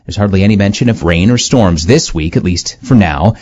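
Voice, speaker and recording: A man anchoring a radio newscast, reading headlines and weather briskly, heard through a tinny clock radio. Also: deep voice, slight background noise. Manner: brisk, lively headline delivery. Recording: lo-fi, dull radio broadcast sound.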